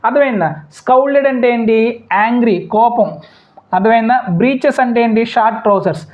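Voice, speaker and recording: A woman's voice: a little high, fairly quick. A woman teacher runs an exam-prep lesson, repeating questions and answers and mixing English words into her explanations. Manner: repetitive question-and-answer drilling. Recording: dull lo-fi audio.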